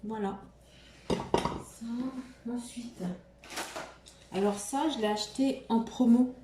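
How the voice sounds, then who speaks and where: A woman's voice: a little high, slow, background noise. A woman vlogger chatting casually about a shopping haul, hesitant, with many fillers and restarts. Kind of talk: casual haul vlog chat. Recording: roomy echo, faint room ambience.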